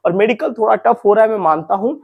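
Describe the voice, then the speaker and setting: Casting note: young male host, high voice, quick and chatty, keeps repeating key points to his viewers. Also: animated, creaky, breathy edge, phone-quality sound. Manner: addresses viewers as friends and brothers. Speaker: recruitment info channel host. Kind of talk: informal advice talk to viewers.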